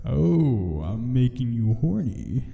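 A man putting on a mock-seductive radio voice, crooning slowly and smugly. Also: medium pitch, big pitch swings, warm tone, in a large hall, pitched below the performer's own voice, exaggerated voice. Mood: sultry. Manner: slow, breathy crooning. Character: sultry, smug male radio seducer.

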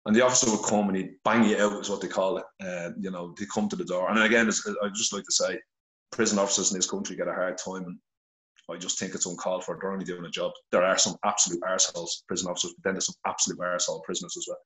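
Over a phone held to his face, a middle-aged man from Ireland tells his story as a podcast guest, blunt, earnest and swearing heavily in candid conversation. His voice is low-pitched and level yet fairly bright, delivered rapid-fire, with reverberant, poor-quality audio.

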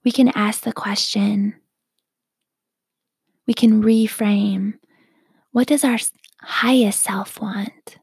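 A woman guides a meditation in a hushed, breathy half-whisper, with a gravelly fry at the ends of her phrases. She speaks slowly and calmly, gently leading the listener. The sound is dry and close, with no room around it. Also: medium pitch, no echo. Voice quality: soft whispery breathy delivery. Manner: slow, calm, gently instructive.

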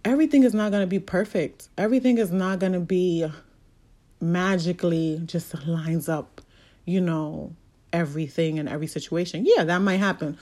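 Woman, motivational speaker, casual and preachy, swears often; warm, lowish voice. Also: normal speed. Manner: candid, profane, preachy.

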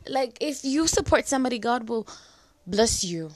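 A young female vlogger talks casually to the camera, handing out advice and scattering "like" all through her chatty, filler-heavy speech. Her fairly high, expressive voice is slightly cracked from a flu and dry cough, and she speaks at a normal speed in a dry recording.

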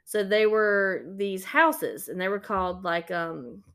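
A woman's voice: mid-range voice, animated, slow pace, fairly bright tone. A woman co-hosting a podcast, casually retelling an old story with lots of fillers and restarts. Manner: rambling, filler-heavy retelling. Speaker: podcast co-host.

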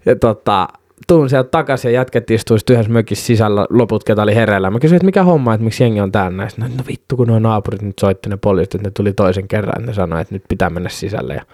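Animated Finnish-speaking man telling a story. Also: on the low side, hardly any pauses, no echo, clean studio sound. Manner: animated, swearing, laughing while telling. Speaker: podcast co-host telling a story. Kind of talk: casual storytelling chat.

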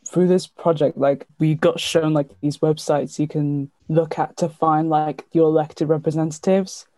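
A woman's voice: deep voice, fairly even intonation, a little slow, mellow, no echo. A young woman, asking questions and explaining things in casual conversation. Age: young adult. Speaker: interviewer.

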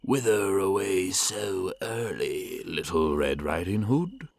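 A sly storybook wolf , put on by a male reader, drawing out his words in a slow, coaxing purr. His pitch rolls up and down freely as he schemes. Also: lively intonation, gravelly, no echo, exaggerated voice.

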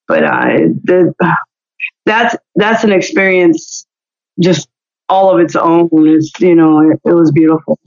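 A woman's voice: fairly low pitch, animated, unhurried, a little mellow. A woman in her forties, a singer, chatting as a podcast guest in a loose, rambling way. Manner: rambling, many "you know" fillers. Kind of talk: casual interview chat. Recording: slightly dull lo-fi audio.

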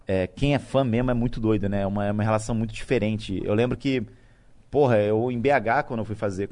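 A Brazilian man telling stories in a casual podcast chat, rambling and slangy. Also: mid-range voice. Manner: rambling, slangy, animated storytelling. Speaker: comedian and podcast guest.

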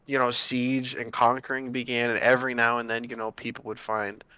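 A man's voice: mid-range voice, little pitch movement, fairly quick, sharp tone, clean tone, no room sound, poor audio. A man chatting casually, rambling with many fillers and restarts. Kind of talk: casual chat.

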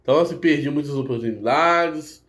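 A man, a podcast guest, telling a personal story in a halting, emotional way. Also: fairly high pitch, fairly bright tone. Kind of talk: casual storytelling. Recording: roomy echo.

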